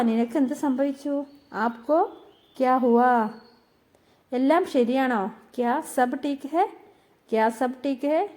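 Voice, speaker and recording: A woman gives a patient language lesson, speaking very slowly and repeating each phrase before explaining it. Her voice sits fairly high but has a soft, mellow tone. She sounds calm and unhurried throughout. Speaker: language teacher. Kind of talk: slow spoken-language lesson.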